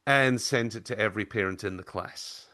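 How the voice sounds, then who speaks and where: Earnest man with a bright, forceful voice. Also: fairly low pitch, moderate pace. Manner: earnest, storytelling. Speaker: podcast host, former teacher. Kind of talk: casual interview talk.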